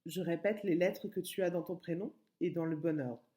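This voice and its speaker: A woman teacher speaking to young children, spelling out letters slowly and clearly with lively rises in her voice. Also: on the low side. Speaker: preschool teacher.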